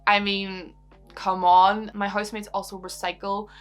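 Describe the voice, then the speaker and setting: A young Irish woman with a Donegal accent, chatting away to her camera in a cosy home vlog. She is bubbly and giggly, rambles happily and drops in the odd swear, in a voice of ordinary pitch for a woman. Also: flat delivery, a little slow, clean tone, faint music behind. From Ireland. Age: young adult. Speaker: YouTuber answering viewer questions.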